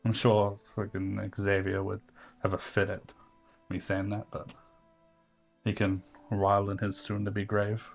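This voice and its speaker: A man's voice: lowish voice, completely flat delivery, unhurried, gravelly, soft background music. A man playing his character in a tabletop game, talking in a rambling, hesitant way with many fillers. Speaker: player. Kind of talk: in-character tabletop role-play.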